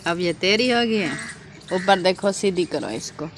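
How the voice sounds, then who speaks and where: Pakistani woman, low and slow, coaxing home chat, noisy outdoor recording. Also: expressive. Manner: slow, homely, coaxing with a child. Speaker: family member in vlog. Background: crows and outdoor ambience.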